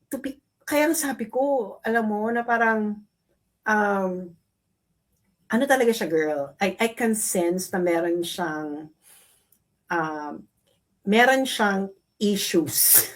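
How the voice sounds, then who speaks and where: A woman's voice: mid-range voice, takes it slowly, pauses often. A woman co-hosting a gossip commentary show, talking bluntly and emphatically as she criticizes someone. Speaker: show co-host.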